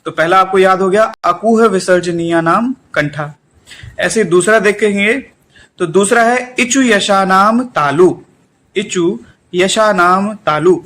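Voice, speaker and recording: A male teacher giving an exam-prep lesson, chanting memory formulas slowly and repeating each line while telling students what to do. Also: sits high, fairly bright tone. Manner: addresses students directly with instructions.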